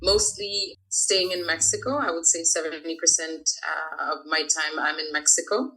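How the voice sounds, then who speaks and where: Bright-voiced woman in her thirties, from France. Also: low-pitched, steady tone, moderate pace, rough recording. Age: 30s. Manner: chatty, laughs often, many fillers. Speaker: guest, freediver. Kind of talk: casual interview talk.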